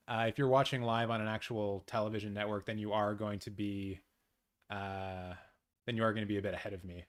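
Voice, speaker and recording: Hosting a live awards watch-along from home, this Canadian man speaks with a fairly low pitch. He keeps things casual, replying to viewer comments with rambling, excitable asides.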